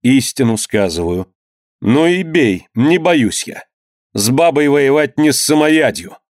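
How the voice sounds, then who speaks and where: A man's voice: mid-range voice, lively intonation, normal speed, no echo, clean studio sound, pitched above the performer's own voice, natural voice. A man reading an audiobook, voicing a proud, defiant merchant's wife who stands up to her husband.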